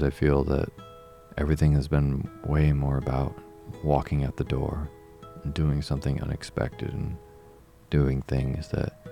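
Very deep, creaky male sleep story narrator. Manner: gentle, unhurried, lulling. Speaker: sleep podcast host and reader. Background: soft plucked guitar-ukulele music.

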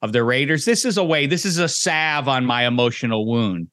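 A man's voice: animated, fairly quick, fairly bright tone, no room sound, studio quality. A man hosting a sports talk show, joking and theatrical in casual chat. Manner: jokey, theatrical, big pitch swings. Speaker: radio show host.

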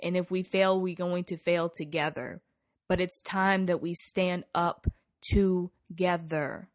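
A woman's voice: lowish voice, steady tone, slow. A woman co-hosting a podcast, speaking in an emotional, heartfelt and pleading way. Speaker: podcast co-host. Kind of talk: casual podcast chat.

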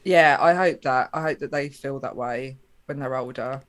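A woman's voice: rumbling low, moderate pace, a crowd in the background. A woman from Essex with an Estuary English accent, talking casually and candidly as a podcast guest, blunt and a bit sweary. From Essex, England. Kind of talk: casual, candid interview chat.

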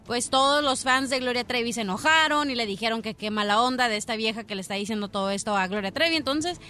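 A woman co-hosting a radio show, chatty and animated as she tells jokes and gossip. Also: fairly high pitch, quick pace, slight background noise. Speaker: radio co-host. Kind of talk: joke-telling and gossip banter.

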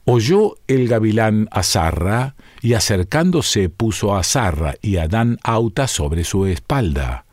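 A man narrates a folk tale in a measured, deliberate reading. His voice is low and the pace unhurried, with a dry, close sound and no room around it. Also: very animated, darkish tone, dry recording. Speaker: storyteller.

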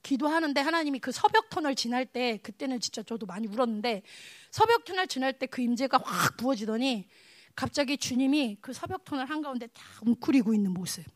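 Brief: woman preacher, high voice, emotional testimony, dry close sound. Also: a little fast, no echo. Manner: emotional, animated, swings to hushed tones. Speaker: evangelist preaching. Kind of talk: sermon with personal testimony.

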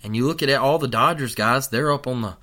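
A male sports talk host in full rant, his voice bright and forceful at a middling pitch. He curses freely and repeats his lines for emphasis. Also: fast. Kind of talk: heated sports opinion rant.

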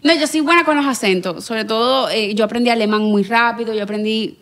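A woman chatting casually on a podcast, talking in an expressive, chatty way. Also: on the high side, a little fast, crowd noise. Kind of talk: casual chat.

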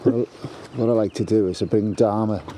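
A guest contributor's lowish, warm voice carries a casual monologue as he walks his dog along a canal towpath. He rambles, restarting often and using fillers, at a moderate pace with fairly even intonation. Birdsong is heard, along with a little hiss or hum.

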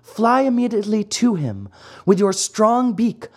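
A gentle, commanding fairy from a storybook, a thousand years old yet sweet-voiced, as a reader puts her on. Her voice sits high with a lilting rise and fall, and she gives her orders slowly and kindly. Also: sing-song.

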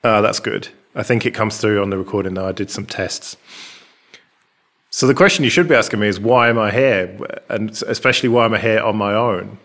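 An English man chatting casually and rambling a bit, recorded with a big hall echo in a large, open flat with a concrete floor. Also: on the low side, a little fast. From England. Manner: rambling and chatty, with many fillers. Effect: big hall echo from an enormous, bare room. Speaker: podcast co-host. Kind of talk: casual chat.

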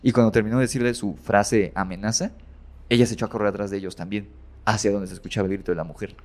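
A man's voice: lowish voice, fairly even intonation, fast, a little mellow. Rambling man retelling a spooky story. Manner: rambling, many fillers and self-corrections. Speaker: storyteller guest. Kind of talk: casual retelling of a horror story.

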